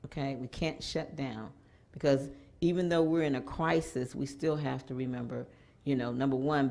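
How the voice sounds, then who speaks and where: A woman's voice: extremely low pitch, gravelly, darkish tone. A woman host introducing a speaker at a seminar, giving a preachy pep talk with call-and-response questions.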